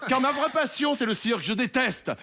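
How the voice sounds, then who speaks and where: A man's voice: very high voice, lively intonation, a little fast, bright, forceful tone, heavily acted. A man playing a sly, strict male math teacher addressing his class. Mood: bossy.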